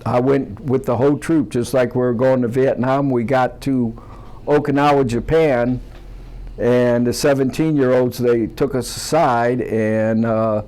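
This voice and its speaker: Older man recalling memories, mellow. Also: medium pitch, fairly even intonation. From Cleveland, Ohio, USA. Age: 70s. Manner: plainspoken, halting with many uhs. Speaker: veteran interviewee. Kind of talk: recounting memories in an interview.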